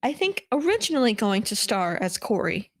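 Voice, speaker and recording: A woman's voice: mid-range voice, very animated, normal speed. A woman hosting a casual film podcast over a remote call, chatty and enthusiastic. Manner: chatty, enthusiastic, laughs often. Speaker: podcast host.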